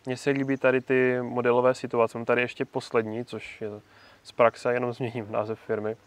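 A male interviewer with an ordinary, mid-pitched voice asks long, calm questions. The recording is dry and close, with almost no room sound. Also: no echo. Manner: calm, brief agreeing interjections.

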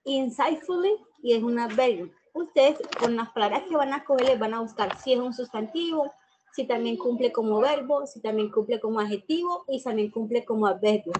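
A woman's voice: fairly high pitch, moderate pace, darkish tone, a little hiss or hum, poor audio. A middle-aged woman teacher explaining a class assignment in an informal, example-filled way, with many fillers, recorded on a computer microphone. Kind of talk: screen-recorded tutorial explanation.

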